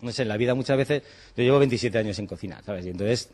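A man's voice: mid-range voice, quick pace, darkish tone. A man in his forties from Spain, a chef and cooking teacher, talking casually and animatedly, acting out bits of dialogue and swearing in passing. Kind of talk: casual interview talk.

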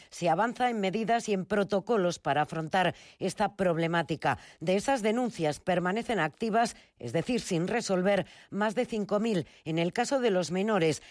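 Woman reporter, clear and measured, dry close sound. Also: mid-range voice, darkish tone, no room sound. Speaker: news reporter. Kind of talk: scripted news report.

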